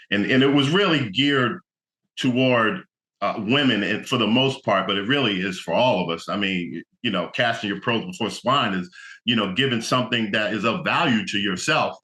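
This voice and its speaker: A middle-aged man from New Jersey talks through his thoughts in a casual interview. His tone is bright and forceful, and he keeps circling back with "you know" as he works out what he means. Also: on the low side, moderate pace. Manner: reflective, many "you know" fillers. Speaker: guest, actor and motivational speaker.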